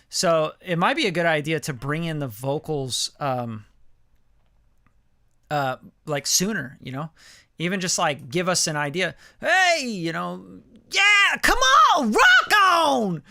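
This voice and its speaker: A man in his late thirties giving a casual live song critique as a music producer, animated and profane, full of "like" and "you know.". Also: a little high, no room sound, studio quality. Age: late 30s. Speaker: music producer reviewing listener songs.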